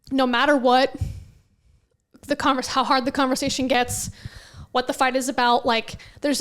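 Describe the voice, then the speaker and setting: A young woman co-hosting a podcast, talking earnestly in casual chat with frequent restarts. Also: high-pitched. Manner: earnest, many restarts and fillers. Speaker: podcast co-host.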